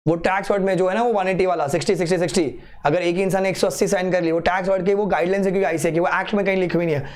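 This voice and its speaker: A man's voice: high-pitched, steady tone, racing. Emphatic Indian man teaching live class. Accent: Indian English. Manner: emphatic, repeats key words many times over; teasing, addresses students as "beta". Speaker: online exam tutor. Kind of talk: live online class, Hindi-English mix.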